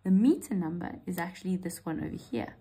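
Woman, maths teacher, husky, patient and reassuring. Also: lowish voice, brisk, warm tone, poor audio. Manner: reassuring, patient, talks to students directly. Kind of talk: step-by-step exam walkthrough.

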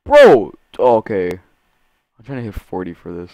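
Young gamer bro with a clear voice. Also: male voice, low-pitched, unhurried, dry recording, lo-fi sound. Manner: slangy gamer bro talk, full of "dude" and "bro"; swings between muttering and excited shouts. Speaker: gaming video creator. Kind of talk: casual, profane video game commentary.

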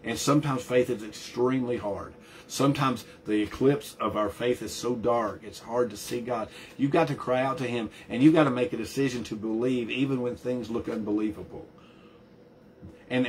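A male pastor delivers a sermon in an earnest, emphatic way, circling back on his words as he pushes each point home. His voice sits at an ordinary middle pitch. A faint hiss of background noise runs under the recording. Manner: earnest, emphatic preaching with frequent restarts and repeated words.

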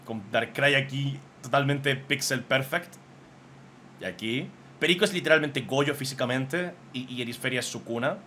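A man, casually commentating on fan drawings as a streamer, excitable and swearing freely. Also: medium pitch, moderate pace, a little hiss or hum.

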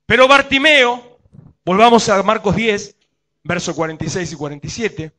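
Bright, high-pitched Rioplatense preacher man. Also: normal speed. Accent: Rioplatense Spanish. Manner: preaching with rhetorical questions to the congregation. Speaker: pastor. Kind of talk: sermon.

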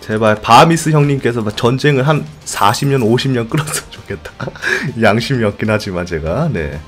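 A man commentating his own strategy game, pleading and shouting at his allies and muttering curses under his breath. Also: mid-range voice, expressive, brisk, faint music behind. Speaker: game streamer. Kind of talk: gaming commentary.

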